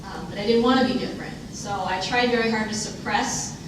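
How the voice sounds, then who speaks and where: A woman speaks candidly as a guest on stage, joking at her own expense and filling pauses with ums. Her voice sits at a middle pitch and comes from far off the mic. A very echoey room and steady noise surround her. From United States. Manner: candid, self-deprecating, many ums. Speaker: interview guest, diversity director. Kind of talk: onstage interview. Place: event room with audience.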